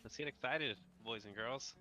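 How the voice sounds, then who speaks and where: A man's voice: mid-range voice, moderate pace, sharp tone, faint music behind. A man on gaming voice chat, upbeat and hyping up the group. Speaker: guildmate on voice chat.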